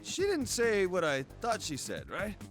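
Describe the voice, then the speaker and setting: A cowardly teenage boy sidekick in a video game. The voice is very high and sharp, swinging about in frantic pleading, with music underneath. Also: huge pitch swings, measured pace, heavily acted. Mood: stunned dread.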